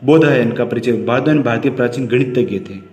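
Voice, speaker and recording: Male teacher, rapid-fire exam revision, mellow tone, recorded in an echoey room. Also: medium pitch. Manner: rattles off quick question-and-answer points, with restarts. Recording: echoey room with faint music.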